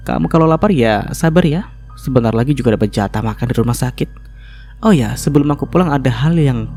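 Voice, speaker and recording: A man's voice: medium pitch, warm tone, close to an everyday voice. A man voicing a vengeful, scheming young wife who speaks in a mocking, sarcastic way. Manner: taunting, sarcastic.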